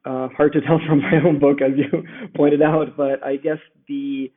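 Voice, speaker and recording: A man with a fairly high voice speaks at a measured pace in a level tone as a guest author in a conversational interview. His first language is Italian, and he is thoughtful, with many fillers and restarts, joining from home in Rome via a tinny, phone-like remote call.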